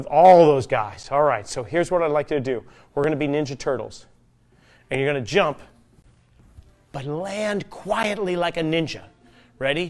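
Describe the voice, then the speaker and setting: Medium in pitch, clear and resonant, this man guides a kids' P.E. exercise class as their trainer. As he moves through each demonstration he talks through what he's doing, encouraging the children and teasing them with playful questions.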